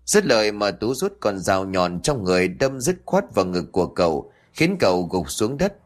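A man narrating a ghost story in a measured, earnest reading voice. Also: fairly low pitch, sing-song.

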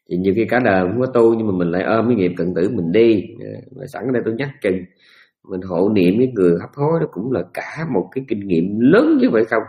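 A man's voice: lowish voice, a little mellow. Male Buddhist teacher, conversational sermon, repeats himself often. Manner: folksy, repetitive, conversational. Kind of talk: dharma talk sermon.

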